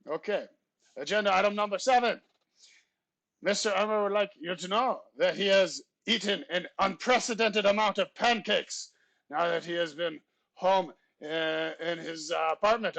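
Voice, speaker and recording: A man's voice: high-pitched, fairly bright tone, no room sound. A man teacher voicing a pompous French substitute teacher in a put-on, exaggerated French accent, reading class announcements in stiff, formal phrasing. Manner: formal, stilted phrasing with theatrical flourishes. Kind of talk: comic class announcements in character.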